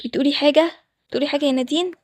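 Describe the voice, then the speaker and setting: A woman with an Egyptian accent voicing an old, rich, hot-tempered groom who talks loud and demanding. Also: high-pitched, steady tone, racing, no room sound, lightly acted. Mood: suspicious. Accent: Egyptian Arabic. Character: old rich groom, man, quick to anger.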